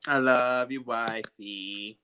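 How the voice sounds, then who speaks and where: A young man hosting a casual makeup livestream, chatty and animated, quick to laugh. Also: mid-range voice, clear, resonant tone.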